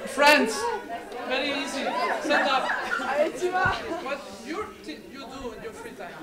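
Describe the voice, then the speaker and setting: Playful woman running a workshop, high voice, recorded in a roomy hall over an audience murmur. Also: expressive, slow pace. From Spain. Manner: playful, coaxing, laughs often. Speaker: workshop leader. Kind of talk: lively workshop hosting. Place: large indoor hall with an audience. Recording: echoey hall with crowd chatter.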